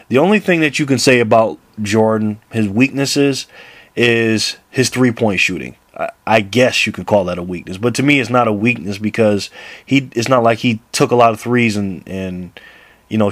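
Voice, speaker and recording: A man's voice: on the low side, fairly bright tone, no room sound. A man in his thirties talking casually to camera about basketball, laughing often and rambling with restarts. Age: 30s. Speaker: basketball vlogger.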